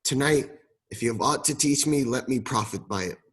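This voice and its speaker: A man's voice: mid-range voice, expressive, moderate pace, fairly bright tone, slightly rough. A man playing a sour old miser, now humbled, speaking formally and earnestly in a radio play.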